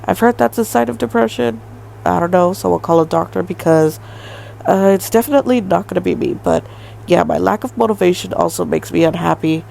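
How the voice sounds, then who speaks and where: A woman's voice: on the low side, brisk, vocal fry, darkish tone, a little hiss or hum, low-quality recording. A woman in her twenties hosting a solo podcast, talking in a rambling way with lots of fillers and hedges. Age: 20s. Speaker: podcast host. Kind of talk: casual solo podcast monologue.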